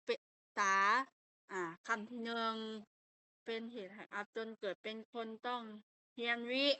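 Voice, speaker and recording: Bright-voiced Lao woman teaching. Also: a little high, steady tone, a little slow, no echo. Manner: patient, explains step by step with fillers. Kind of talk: online language lesson.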